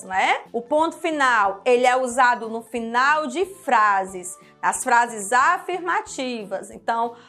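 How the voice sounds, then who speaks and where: Brazilian lady teacher talking to little kids, high bright voice, sing-songy questions, faint music behind. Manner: slow, sing-song, exaggerated question intonation; speaks of herself in the third person as "[name]". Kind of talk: remote lesson for young children.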